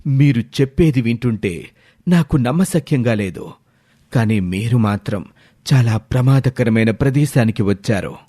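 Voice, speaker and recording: A man voicing a gentle, lonely male stranger from a snowy land in an animated storybook, speaking in a calm, cautious tone. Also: mid-range voice, normal speed, dry recording, clean studio sound, pitched below the performer's own voice, lightly acted. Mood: warning.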